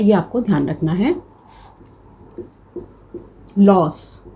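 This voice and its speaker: A woman's voice: mid-range voice, dark tone, dull audio. A young woman teaching a shorthand class, patiently explaining step by step and mixing in English terms. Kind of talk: classroom lecture.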